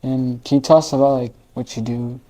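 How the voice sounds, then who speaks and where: A man's voice: medium pitch, steady tone, brisk, warm tone, low-quality recording. A male host asking casual, curious questions in an easygoing chat, with lots of "like" filler. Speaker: interview host.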